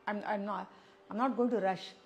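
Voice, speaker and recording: A woman with a South Indian accent gives a spoken singing lesson, explaining step by step and repeating sung syllables and phrases to demonstrate. Her mid-range voice keeps fairly even intonation at a normal speed.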